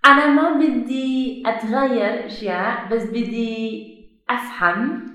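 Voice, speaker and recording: A woman's voice: on the high side, sharp tone. Young woman, non-native levantine arabic, lots of ums and searching for words, really echoey room. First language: not Arabic, speaks it as a learner. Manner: halting, searching for words, self-correcting. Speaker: researcher being interviewed. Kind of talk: conversational interview answers in a learned language.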